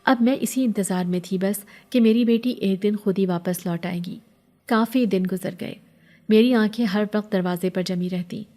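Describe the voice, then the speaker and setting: A woman narrating a first-person horror story in a steady, sorrowful storytelling manner. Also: medium pitch.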